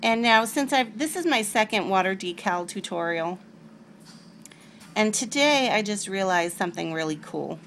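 A woman's voice: mid-range voice, animated, moderate pace, fairly bright tone, a little hiss or hum. Chatty woman hosting a nail tutorial. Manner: chatty, rambling asides. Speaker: nail art tutorial host. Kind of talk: casual step-by-step tutorial.

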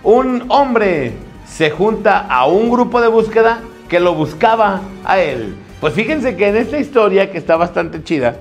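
A man with a Mexican accent co-hosting a comedy news show, telling stories in slangy, animated banter and laughing often. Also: high-pitched, unhurried, faint music behind. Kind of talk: joking casual news banter.

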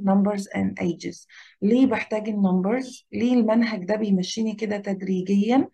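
An Egyptian woman teaching an English pronunciation lesson, her voice gravelly and a little husky. She repeats each word slowly to model the stress and moves back and forth between Arabic and English explanations. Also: mid-range voice, dark tone.

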